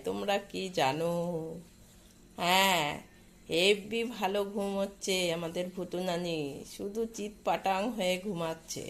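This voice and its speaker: A hoarse woman vlogger with a cold and sore throat films her dogs at home and just outdoors in the evening, chatting casually as she narrates. Her voice is lowish but swings widely in pitch as she coos at her pets and calls out to them high and loud. Faint background noise is audible.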